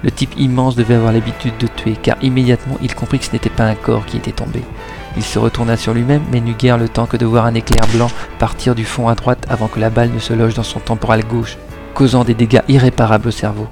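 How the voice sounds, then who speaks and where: Gravelly, flat-toned male narrator. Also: medium pitch, fast talker. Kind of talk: audiobook narration of a noir detective story. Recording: reading with music behind. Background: background music.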